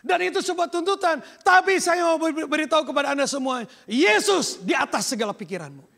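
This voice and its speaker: High, gravelly male preacher. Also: lively intonation, a little fast, a bit bright. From Indonesia. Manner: emphatic preaching, mixing in English phrases. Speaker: pastor. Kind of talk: sermon. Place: church sanctuary.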